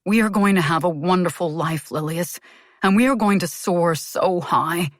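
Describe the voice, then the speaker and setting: A woman voicing a calm, tender male suitor who murmurs softly. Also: lowish voice, moderate pace, no echo, studio quality, natural voice. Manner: soft, murmuring. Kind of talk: audiobook character voice.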